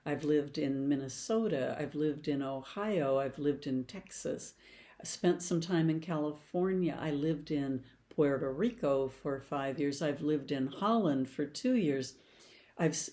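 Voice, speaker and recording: A woman's voice: deep voice, dark tone. An older woman, a past life regression therapist, explaining in a conversational, storytelling way. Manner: conversational, storytelling with client anecdotes. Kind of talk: explanatory talk.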